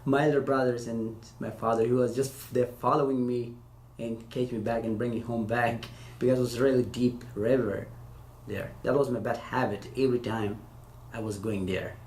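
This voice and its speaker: This Afghan man, once an interpreter, is a guest giving relaxed interview answers. He speaks mid-range and fairly even, with a slightly mellow quality, stumbling through non-native English and restarting often. Faint hiss and echo fill the room.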